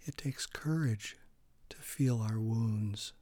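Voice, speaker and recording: A man leading a guided meditation in a calm, gentle way, his phrases often trailing off into a soft breathy hush. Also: fairly low pitch, slow pace, no room sound.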